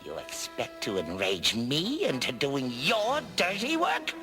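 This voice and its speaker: An actor voicing a furious male villain knight in a 1980s cartoon, who is always yelling and shouting in rage. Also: medium pitch, wildly swooping pitch, measured pace. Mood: enraged. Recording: cartoon clip with music behind.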